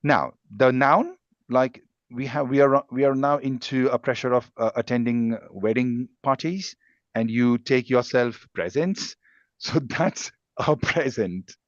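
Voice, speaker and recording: A man's voice: mid-range voice, unhurried, dry recording, highs cut off. A man teaching an English pronunciation class on a video call, explaining patiently with examples.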